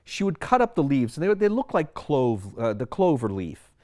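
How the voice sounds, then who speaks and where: A man's voice: medium pitch, sing-song, normal speed, a little mellow. A man in his sixties from Sri Lanka, a physician speaking about his wellness philosophy in an explanatory monologue full of rhetorical questions. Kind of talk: personal monologue to camera.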